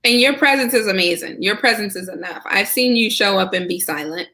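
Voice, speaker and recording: A woman's voice: medium pitch, fairly quick, pushed and bright. A woman guest in a casual interview, talking eagerly and at length, often checking in with "right?". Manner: enthusiastic, talkative, asks rhetorical "right?". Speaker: guest, Senate candidate.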